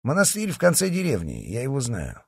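A man doing a wary, hushed manservant. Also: mid-range voice, wildly swooping pitch, brisk, vocal fry, slightly rough, no room sound, clean studio sound, pitched above the performer's own voice, full character voice. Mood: helpful. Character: cautious loyal male servant. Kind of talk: audiobook character reading.

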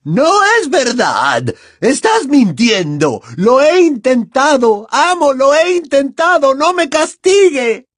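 A man voicing a fanatical female witch in an audiobook, shrill and screaming. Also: very animated, takes it slowly, a bit bright, no echo, studio quality, exaggerated voice. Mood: shrieking. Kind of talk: audiobook character voice.

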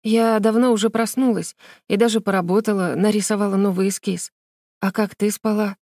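A woman's voice: mid-range voice, fairly even intonation, a little mellow, no room sound, studio quality, lightly acted. A woman voicing a bold young girl who teases and argues with her playmate in a storybook reading. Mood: teasing. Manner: mocking, quick to argue.

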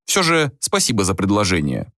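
A weary, proud hero in a storybook reading, curt and formal, close to the reader's own voice but lively in pitch, as a man plays him. The sound is close and dry. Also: moderate pace, no room sound, heavily acted. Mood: dismissive.

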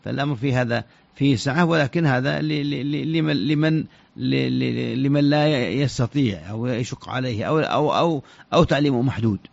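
Brief: man, scholar on radio Q&A, fast and halting, gravelly husky voice, lo-fi old radio sound. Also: mid-range voice, dry recording. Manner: halting, many restarts and repeated syllables. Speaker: Islamic scholar answering listener questions. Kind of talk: radio religious Q&A answers. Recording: dull lo-fi radio recording.

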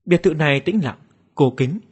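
A man's voice: a little high, moderate pace, breathy edge. A man narrating a first-person horror story in a dramatic, suspenseful way. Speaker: audiobook narrator.

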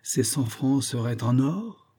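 A man's voice: medium pitch, lively intonation, takes it slowly, warm tone, slightly rough, voice pushed up. A man voicing a miserly old male moneylender who whines and laments, in a storybook reading. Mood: whining. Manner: wheedling, lamenting.

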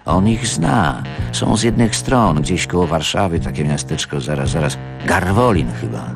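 A man's voice: deep voice, lively intonation, moderate pace, gravelly, over music. An actor reading a blunt, conspiratorial middle-aged male factory party official in a radio story. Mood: scheming.

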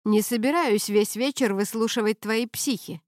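A woman reading an audiobook, voicing an angry drunk young man who blusters and swears loudly. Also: fairly high pitch, moderate pace, no room sound, studio quality, lightly acted.

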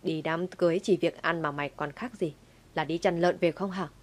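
Angry old mother-in-law yelling, scolding nonstop , woman playing her. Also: on the low side, steady tone, fairly quick, natural voice. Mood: furious scolding.

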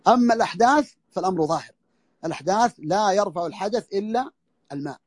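High-voiced man giving a dry audio lesson. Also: animated, fast, dry recording. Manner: repeats phrases and restarts as he explains, clears his throat. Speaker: Islamic scholar teaching a fiqh text. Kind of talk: recorded audio lesson explaining a classical text. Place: audio lesson over a social media voice room.

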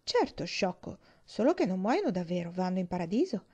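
A woman's voice: lowish voice, sing-song, brisk, a little mellow, breathy edge. A woman reading aloud, voicing a cheerful, gossipy little girl who teases as she talks. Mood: smug. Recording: dull lo-fi recording.

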